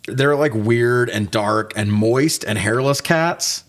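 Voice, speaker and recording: A man co-hosts a podcast giving a casual, comedic movie review, trading sarcastic, profane jokes. His voice is medium in pitch and his pace is slow.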